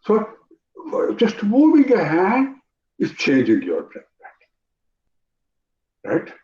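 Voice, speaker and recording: A man with an Indian English accent, teaching an online yoga class, talking in an animated way, repeating phrases and asking his students questions. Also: high voice, takes it slowly. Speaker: yoga instructor. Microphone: video call. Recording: roomy, dull lo-fi video call audio.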